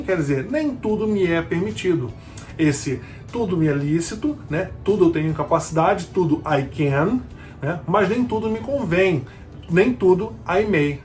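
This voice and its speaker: A man's voice: high-pitched, a little mellow. A man teaching an English lesson, patiently repeating key words and checking that the listener follows. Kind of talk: explanatory language lesson.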